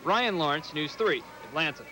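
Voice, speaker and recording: High-pitched, animated male TV reporter. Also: moderate pace, soft background music, rough recording. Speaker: TV news reporter. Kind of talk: scripted news package narration.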